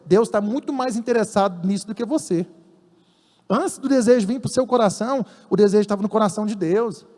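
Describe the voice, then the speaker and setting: Man, brazilian portuguese accent, sermon, mellow high voice, long hall reverb. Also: a little fast. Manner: storytelling preacher, acts out dialogue, emphatic. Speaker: church elder preaching.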